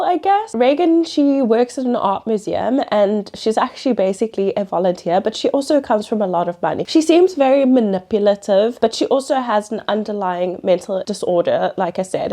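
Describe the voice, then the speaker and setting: A woman's voice: medium pitch, warm tone. A young woman with a slightly stuffy nose and sore throat from being sick, chatting casually and emphatically in a rambling book vlog. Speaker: book vlogger.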